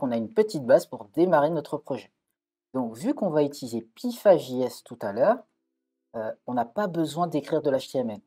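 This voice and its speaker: With a medium-pitched, dark voice, a man codes live at his computer as a tutorial, reasoning aloud, often pausing and correcting himself. He is a coding streamer.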